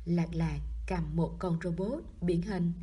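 A woman narrating a novel in a soft reading voice that often drops to a whisper. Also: fairly low pitch, takes it slowly, breathy edge. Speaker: audiobook narrator.

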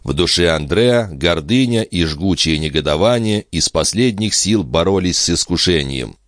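A man narrating a classic novel as an audiobook in a dramatic, measured way. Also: sits low, expressive, dry recording, clean studio sound.

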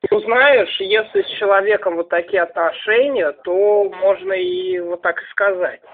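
A man making a prank call, casually needling with halting questions. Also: sits high. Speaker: prank caller. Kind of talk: casual, needling phone chat. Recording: noisy, tinny phone line.

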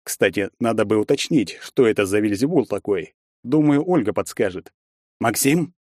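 A man's voice: lowish voice, animated, moderate pace, darkish tone, no room sound, studio quality. A man reading a novel aloud as the first-person narrator, with a wry, ironic inner voice. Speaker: audiobook narrator.

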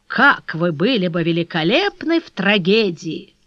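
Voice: mid-range voice, sing-song, no echo, lightly acted. Reader playing a cold scheming baronet, audiobook, dry laconic delivery, dull lo-fi sound. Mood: mocking. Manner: dry, laconic, slow and impassive. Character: cold sly scheming male English baronet. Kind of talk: audiobook character reading.

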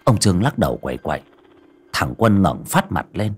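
A man's voice: big pitch swings, normal speed, breathy edge, soft background music. A man narrating a horror audiobook with dramatic, suspenseful delivery. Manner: dramatic, swinging pitch for suspense. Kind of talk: scripted horror story narration.

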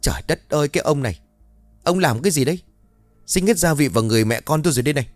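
A man voicing a quick-tempered middle-aged peasant wife, scolding in fast, shrill bursts. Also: no echo, soft background music, lightly acted.

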